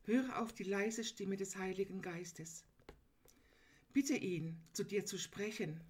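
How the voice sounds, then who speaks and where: A woman's voice: mid-range voice, takes it slowly, a little mellow, husky. A woman preaching a sermon, retelling a gospel scene earnestly and turning to her listeners with direct, emphatic appeals.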